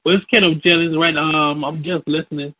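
A man's voice: fairly high pitch, steady tone. A man calling in to a radio show over a clipped phone line, speaking hesitantly with many ums and restarts. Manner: hesitant, halting with many ums and repeated words. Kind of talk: call-in radio chat.

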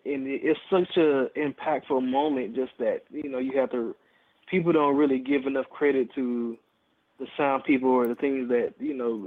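A man co-hosting a casual podcast, talking in a relaxed, rambling way about anime sound design. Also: medium pitch. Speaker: podcast co-host. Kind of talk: casual anime review chat. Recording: tinny phone-like line.

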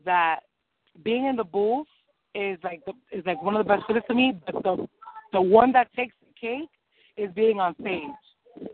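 Her medium-pitched voice comes through with a little hiss or hum on a dry, tinny recording that sounds like a phone. The guest, a singer and rapper from New York City, responds to interview questions in an eager, upbeat way and laughs often.

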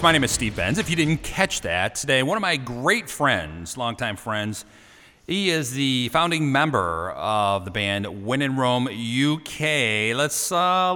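A man's voice: medium pitch, sing-song, measured pace, bright, forceful tone, long reverb tail, soft background music. A man hosting a radio show, interviewing a guest energetically and joking around. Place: radio studio.

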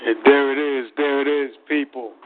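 A man's voice: medium pitch, steady tone, normal speed, slight background noise. A man hosting a casual call-in radio show in a slangy, encouraging way. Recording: narrow phone-like radio stream.

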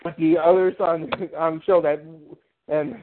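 A man's voice: fairly high pitch, level tone, moderate pace, noisy background. A man calling in to a talk show, speaking hesitantly with many restarts. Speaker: caller and show guest. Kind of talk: casual call-in chat. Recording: tinny phone line.

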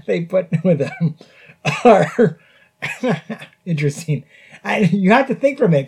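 A man's voice: high-pitched, darkish tone. A man hosting a podcast, reviewing a show in casual chat and chuckling often between phrases. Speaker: podcast host. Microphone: podcast mic.

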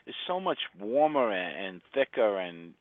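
A man's voice: on the low side, big pitch swings, measured pace, no echo. A man with a Brooklyn accent chats casually on a radio show in a blunt, salty way. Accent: Brooklyn New York. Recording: thin phone-like radio audio.

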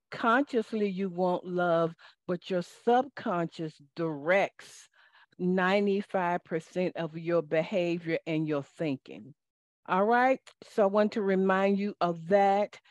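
The speaker is a Southern-accented woman, a life coach hosting a live call-in coaching program in a slow, folksy, preachy style. Her voice is mid-range with a darkish tone. Audio is dry and dull, lo-fi.

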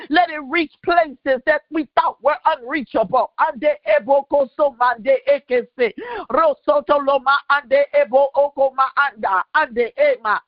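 A woman minister leading a prophetic prayer, praying in tongues and proclaiming decrees in a chanting, repetitive way with frequent shouted bursts. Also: high-pitched, dry recording. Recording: dull lo-fi recording.

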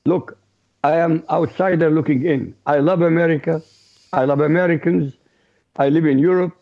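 Gravelly man, blunt. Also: fairly high pitch, fairly even intonation, normal speed. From Iraq. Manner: blunt, outspoken, laughs easily. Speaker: regular co-host panelist. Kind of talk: radio talk show commentary. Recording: muffled lo-fi line.

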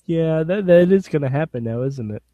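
A man's voice: fairly high pitch, animated, moderate pace, dark tone, dry recording, lo-fi sound. A man co-hosting a casual chat, tossing in blunt, wry quips. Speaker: podcast co-host.

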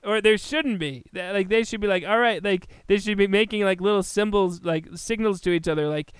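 A man's voice: sits high, brisk, clear, resonant tone, dry recording. A man co-hosting a casual film podcast, sarcastic and laughing often as he retells scenes. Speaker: podcast co-host. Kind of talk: casual film-review chat.

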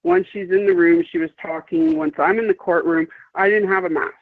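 A woman's voice: on the low side, very animated, fairly quick, vocal fry, no room sound. Woman, fifties, on a tinny phone line. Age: 50s. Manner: emphatic, rambling, outspoken with swearing. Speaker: caller. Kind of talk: casual chat.

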